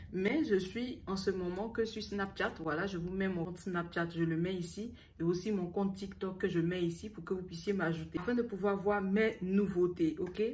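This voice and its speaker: A young woman from Ivory Coast with an Ivorian French accent, talking to camera in a chatty, teasing vlog. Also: fairly low pitch. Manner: talks straight to the viewer, teasing, with playful asides. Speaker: beauty vlogger.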